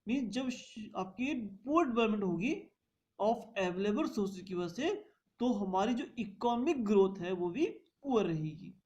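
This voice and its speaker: A woman's voice: medium pitch, expressive, measured pace, darkish tone, lo-fi sound. A woman teaching a revision lecture, reading points out in English and explaining them in Hindi.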